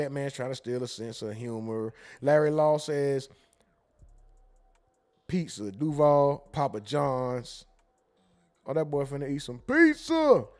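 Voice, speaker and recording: A man hosting a casual livestream, reading viewer comments aloud and reacting with quick asides and laughter. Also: high voice, darkish tone. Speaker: livestream host reading super chats.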